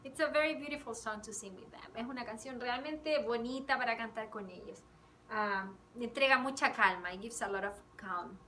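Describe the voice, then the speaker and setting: Teacher lady, bright high voice, slow and gentle, sounds a little far from the mic in a classroom. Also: a little hiss or hum. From Chile. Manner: switches between Spanish and English, sings with ukulele. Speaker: kindergarten teacher. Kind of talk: bilingual song lesson. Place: classroom indoors. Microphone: camera a few feet away.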